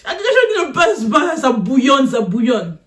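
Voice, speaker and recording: A woman telling a personal story in a casual, animated way, often laughing as she talks. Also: high voice, normal speed. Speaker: vlogger. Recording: echoey room.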